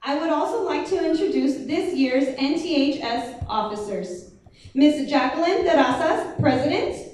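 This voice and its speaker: A woman's voice: high voice, lively intonation, normal speed. A woman emceeing a school honor society induction, reading formal announcements. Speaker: ceremony emcee. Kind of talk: scripted ceremony announcing. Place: large echoey hall. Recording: echoey hall from far off, faint noise.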